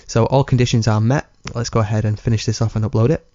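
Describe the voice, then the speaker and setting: A man giving relaxed, rambling commentary on his game, chuckling often. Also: on the low side, quick pace, no room sound, lo-fi sound. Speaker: let's play gamer. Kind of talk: casual gameplay commentary.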